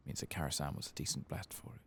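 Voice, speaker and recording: There's a slight hiss or hum under a man's soft ASMR commentary on a video game. He goes slowly and often eases into a breathy whisper.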